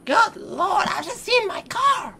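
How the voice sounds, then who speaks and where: A woman's voice: very high voice, sing-song, takes it slowly, bright, forceful tone, a little hiss or hum. A woman with a British accent playing a flustered, tipsy woman who can't find her car, rambling and swearing. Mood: exasperated. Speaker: comedy sketch performer.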